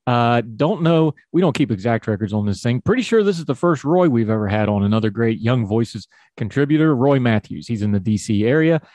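Folksy guy w appalachian hillbilly accent hosting a talk show, avg pitch, dry close sound. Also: lively intonation, a little fast, hardly any pauses, darkish tone, no echo. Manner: folksy, informal. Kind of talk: conversational interview.

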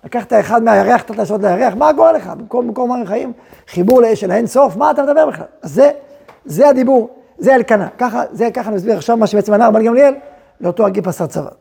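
A rabbi who heads a yeshiva gives a Torah lesson, talking animatedly, acting out quoted speech and throwing rhetorical questions. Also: male voice, high-pitched, creaky, mellow, breathy edge. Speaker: yeshiva head rabbi teaching.

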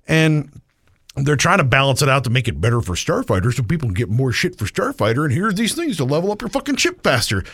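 A man's voice: mid-range voice, sing-song, fast, fairly bright tone, slightly rough, dry recording, clean studio sound. A man co-hosting a casual gaming podcast, ranting angrily and swearing heavily about the game. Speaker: podcast co-host.

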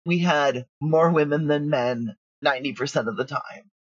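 A talkative, self-assured middle-aged woman who writes and produces audio drama speaks bluntly and candidly as an interview guest. Her voice is low and husky at a moderate pace, with no room sound and dull-sounding audio.

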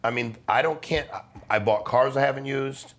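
At medium pitch and normal speed, with a fairly bright tone, a middle-aged man speaks as a podcast guest who works in life insurance sales. He talks casually and persuasively, bluntly and emphatically, using slang and swearing.

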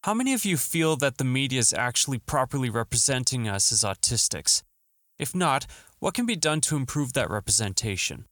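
A man delivers a solo podcast monologue from his home studio, his throat still scratchy from the flu. His mid-range voice is sing-song, brisk and fairly bright, with no room sound, and his tone is upbeat and earnest.

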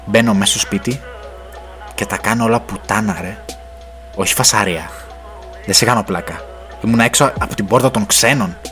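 A young man telling a slangy story in a relaxed chat, laughing now and then, on a radio podcast. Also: fairly low pitch, long pauses. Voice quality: laid-back slangy, laughs often. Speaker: podcast guest. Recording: music playing underneath.

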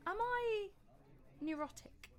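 A woman's voice: very high-pitched, animated, full character voice. A woman playing a nervous young wife. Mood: anxious, confessional. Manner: nervous, halting, stammering. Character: anxious young wife, newly married, uneasy. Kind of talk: audio drama acting.

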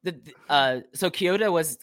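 A man's voice: fairly high pitch, moderate pace, fairly bright tone, no echo. A man with an Appalachian accent who co-hosts a podcast, rambling and making fun of himself in casual chat. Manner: self-deprecating, rambling. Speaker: podcast co-host.

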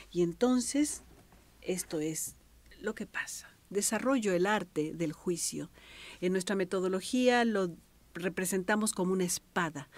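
Expressive Mexican woman giving a workshop. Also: on the low side, dry recording. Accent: Mexican Spanish. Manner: expressive, swings between soft whispers and bright exclamations. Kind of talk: radio workshop talk.

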